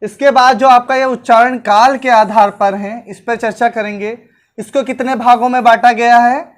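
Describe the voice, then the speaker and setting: High-voiced woman teacher drilling exam lessons. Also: fairly even intonation, moderate pace. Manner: repetitive drilling, asks and answers own questions. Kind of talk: exam-prep classroom lecture.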